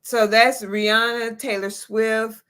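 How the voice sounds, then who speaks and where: A woman co-hosting a talk show, speaking in a measured way with formal phrasing. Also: fairly high pitch, level tone, fairly bright tone, smooth. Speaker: co-host. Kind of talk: casual talk show chat.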